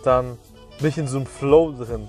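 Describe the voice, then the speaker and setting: A man's voice: medium pitch, fairly even intonation, moderate pace, a little mellow. Give me a young man in casual chat, joking and slangy, over faint music. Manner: slangy, joking, sarcastic asides.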